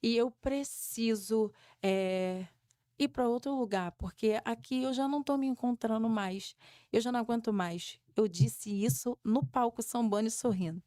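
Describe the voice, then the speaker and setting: Young carioca woman on a podcast, highish voice, acts out everyone she quotes, dry close mic. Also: normal speed, mellow, no room sound. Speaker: samba school muse, podcast guest. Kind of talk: storytelling interview chat.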